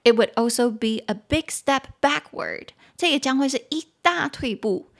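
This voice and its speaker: Female podcast host teaching English, mid-pitched, drills phrases by repeating and spelling them, frank asides. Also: gravelly. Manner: switches between Mandarin and English; adds frank personal opinions.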